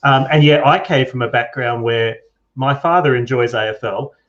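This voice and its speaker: An Australian man telling stories in a relaxed way on a video call. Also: mid-range voice, moderate pace. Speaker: guest. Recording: dull lo-fi audio with faint noise.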